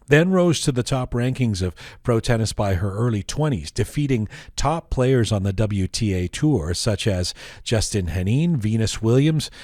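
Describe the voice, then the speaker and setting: A podcast host with a mid-range, darkish voice reads a scripted introduction, then asks playful, teasing follow-up questions. The recording is dry, with clean studio sound.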